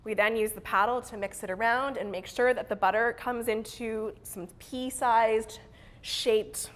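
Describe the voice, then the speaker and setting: A woman's voice: a little high, fairly even intonation, unhurried. A woman demonstrating a recipe on a cooking show, upbeat and explanatory, laughing easily. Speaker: dairy expert demonstrating recipes.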